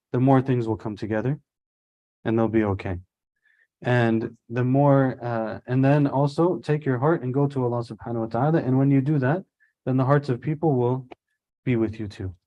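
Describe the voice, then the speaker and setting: A man's voice: medium pitch, lo-fi sound. A man teaching a casual religious study-circle lesson, talking in a conversational way with everyday examples and Arabic religious terms mixed in.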